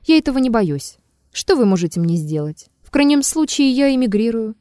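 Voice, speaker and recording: A woman voicing a calm, aloof man in an audiobook, answering coolly and dryly. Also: fairly high pitch, brisk, no echo. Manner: calm and dry.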